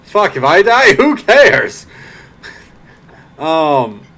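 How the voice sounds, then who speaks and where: A man chatting casually with a streamer while gaming, laid-back and halting with fillers. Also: on the high side, wildly swooping pitch, gravelly, a bit bright. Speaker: co-player on a stream.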